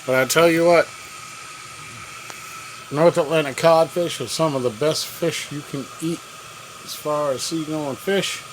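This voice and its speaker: A man's voice: on the high side, fairly even intonation, measured pace, long pauses. A man chatting folksy and casual while frying fish in a camper kitchen, sometimes talking with his mouth full. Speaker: cooking vlogger. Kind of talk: casual cooking vlog. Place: camper kitchen with propane cooker. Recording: noisy home video with frying sounds. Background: boiling water and frying.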